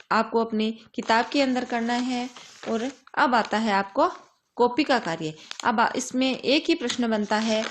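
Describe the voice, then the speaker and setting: A woman teacher giving a grammar lesson to young children, reading worksheet items aloud slowly and patiently, and asking questions that she then answers herself. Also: fairly high pitch, a little hiss or hum. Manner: reads worksheet items aloud in a steady, measured way.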